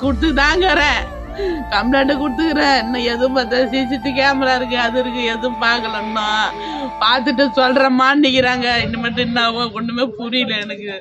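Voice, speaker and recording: A woman's voice: fairly high pitch, fairly even intonation, a little fast, music in the background. A woman, crying as she tells a reporter about being robbed, in a wailing, repetitive lament. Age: 50s. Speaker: robbery victim interviewed by a reporter. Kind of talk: emotional street interview.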